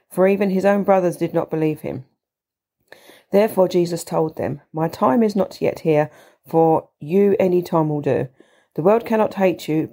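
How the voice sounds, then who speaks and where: A woman reading scripture aloud in a measured, steady way. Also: on the low side. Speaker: scripture reader.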